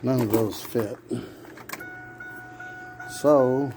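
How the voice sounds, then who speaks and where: With music in the background, this man speaks at a medium pitch and extremely slowly, plainly thinking aloud as he talks through a hands-on car repair for his amateur vlog. Vehicle ambience and clear background noise run underneath.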